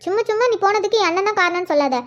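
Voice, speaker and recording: A woman's voice: very high-pitched, very fast, muffled recording, soft background music. A woman voicing a teasing, bossy older sister in a cartoon, with a scolding manner.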